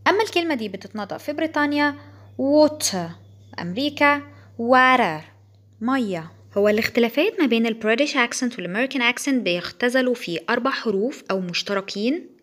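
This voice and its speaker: Egyptian woman teaching English pronunciation. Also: a little high. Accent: Egyptian Arabic. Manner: explains slowly, repeats example words aloud. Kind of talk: pronunciation lesson.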